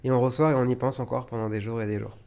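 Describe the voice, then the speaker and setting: A hotelier born in Tunisia and raised in France appears as a podcast guest, telling stories in an emphatic, conversational way. His mid-range voice is gravelly, dark, clear and resonant, with fairly even intonation. He talks at a rapid-fire clip.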